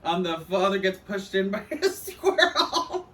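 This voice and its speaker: A high-pitched male voice retells a film in loose, casual chat. He breaks into hysterical laughter as he talks and leans on colloquial filler. The recording sounds distant from the mic. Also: big pitch swings, a little slow, pushed and bright. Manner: laughing hysterically while talking; frequent "like" and colloquial exclamations.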